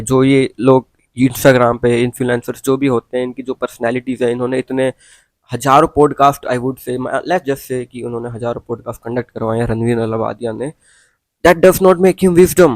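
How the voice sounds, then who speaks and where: A man's voice: on the high side, a little mellow, dry recording. A young man ranting casually to camera, blunt and preachy, mixing in English phrases and slang. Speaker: vlogger. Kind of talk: casual opinion rant.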